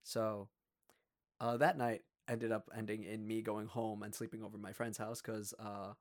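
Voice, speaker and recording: A man's voice: lowish voice, moderate pace. A young man co-hosting a podcast, telling a story casually, with lots of fillers and voices for the people in it. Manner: animated, acts out quoted voices, many fillers. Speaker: podcast co-host.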